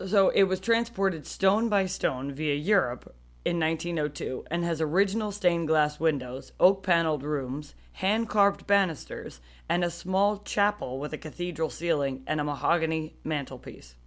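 An American woman co-hosts a podcast, telling stories in a casual, slangy, self-deprecating comic way. Her voice is low-pitched, at a moderate pace.

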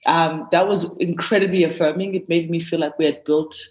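A woman's voice: fairly low pitch, fairly even intonation, fairly quick, rough recording. A woman who founded a creative agency, talking earnestly and animatedly in a casual interview, with lots of fillers.

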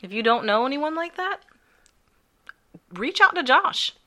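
Casting: female podcast co-host, American accent, very expressive intonation, crisp bright tone, playful casual interjections. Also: sits high, a little slow. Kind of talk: casual chat.

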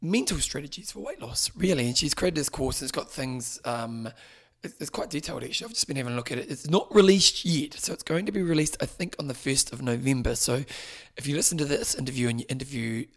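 A man hosting a podcast, chatting casually and rambling a little, slightly hoarse from losing his voice. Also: mid-range voice, fast talker. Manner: rambling, chatty, self-correcting. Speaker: podcast host. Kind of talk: casual podcast intro and interview.

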